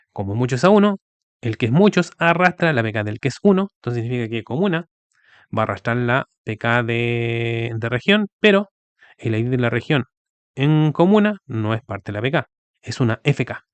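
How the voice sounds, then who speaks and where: A man's voice: medium pitch, no room sound. A man giving a recorded video lecture, explaining step by step and often checking with the students. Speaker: teacher.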